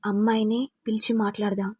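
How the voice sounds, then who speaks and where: Woman reading a gentle caring father, kindly, dry close sound. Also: mid-range voice, little pitch movement, fairly quick, husky, no room sound, close to an everyday voice.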